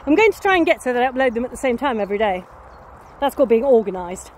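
Brief: chatty woman vlogger outdoors, high and sing-song, wandering self-mocking talk. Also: sing-song, very fast, a little hiss or hum. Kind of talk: casual rambling vlog.

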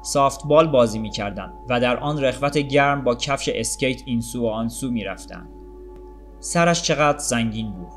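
A man narrating a short story for an audiobook in a calm, measured, literary way. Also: medium pitch, faint music behind. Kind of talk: storybook reading.

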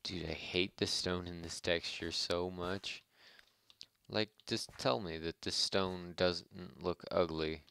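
A man's voice: low voice, fairly even intonation, slow, gravelly, sharp tone, clean tone, dry recording. A man giving casual, rambling gameplay commentary with a harsh voice, joking and chatting with his viewers. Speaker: let's play host.

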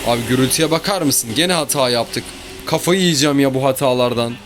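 A man's voice: mid-range voice, fairly quick, a bit bright, a little hiss or hum. A man giving casual commentary over his own football video game match, grumbling and exasperated about his mistakes and bad luck. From Turkey. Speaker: gaming YouTuber.

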